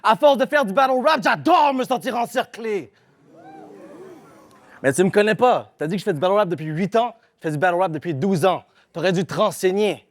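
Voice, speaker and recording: Rapping at a brisk pace in a high-sitting voice, a Québécois man from Quebec performs a live battle rap verse. His rhymes are aggressive and punchy, and his accent is Québécois French.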